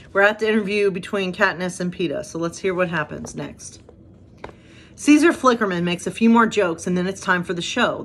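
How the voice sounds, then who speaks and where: A woman's voice: fairly low pitch, fairly bright tone, a little hiss or hum. A woman pastor in her thirties, who talks in a chatty, self-deprecating way with light humor, moving between casual devotional talk and reading aloud. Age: 30s.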